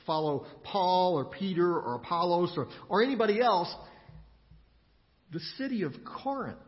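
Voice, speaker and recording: A man preaching a sermon, building his points with rhythmic repetition and dramatic pauses. He sounds like a pastor in a church sanctuary. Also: on the high side. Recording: dull sound with long hall reverb.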